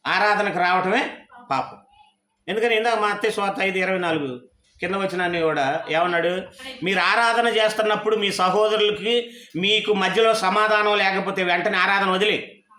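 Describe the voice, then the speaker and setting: A male preacher with a high, bright voice delivers his sermon in an echoey worship hall. He keeps throwing rhetorical questions at the congregation. The sound is roomy, with plenty of hall reflection. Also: fairly even intonation, normal speed. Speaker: pastor.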